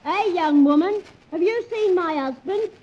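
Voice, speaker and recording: A woman's voice: extremely high pitch, expressive, a little slow, darkish tone, highs cut off. A woman playing a bossy, determined wife who has tracked her husband down, scolding him on an old comedy record.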